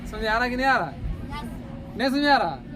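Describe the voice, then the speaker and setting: High-voiced man teaching a grammar lesson. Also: very animated, pushed and bright, slight background noise. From India. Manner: asks students questions and answers himself; drawn-out sounding of letters.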